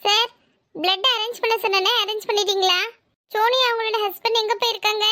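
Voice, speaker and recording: A woman voicing a curt female hospital doctor in a cartoon, brisk and dismissive. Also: very high voice, fairly even intonation, sharp tone, no echo, studio quality. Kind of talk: cartoon voice acting.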